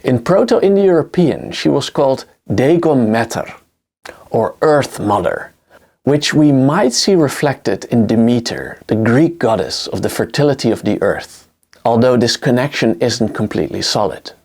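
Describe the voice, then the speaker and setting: A native Dutch speaker with a Dutch accent, this male history lecturer narrates a scripted lesson in an explanatory way. His voice is medium-pitched and a little slow, with lively intonation.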